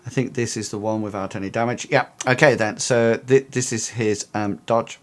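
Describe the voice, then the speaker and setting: A man's voice: fairly low pitch, steady tone, normal speed, slight background noise. A man narrating as game master, explaining rules and the action to his players.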